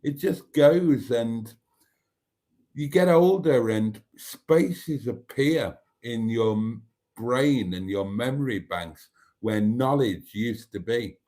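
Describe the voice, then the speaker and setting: An older Welshman whose first language is Welsh hosts a casual live stream, reading out viewer comments in a rambling, wry manner. His medium-pitched voice is expressive, slow, and warm.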